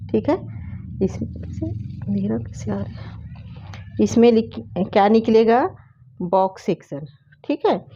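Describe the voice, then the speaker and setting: A woman's voice: a little high, mellow, muffled recording. A woman giving a casual hands-on hairdressing lesson, chatty and repeating key terms to drive them home. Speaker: hairdressing teacher.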